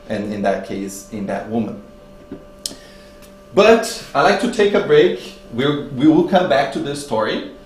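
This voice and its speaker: In a reverberant room with a slight hum and background noise, a man with a deeper voice gives a storytelling religious talk. He is a speaker at a spiritist public meeting, and his delivery is halting as he gropes for words.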